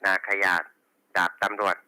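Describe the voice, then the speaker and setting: A man's voice: normal speed, sharp tone, no echo, poor audio. A man working as a police radio dispatcher, reading back station reports and call signs in formulaic procedure over a walkie talkie. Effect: two-way radio.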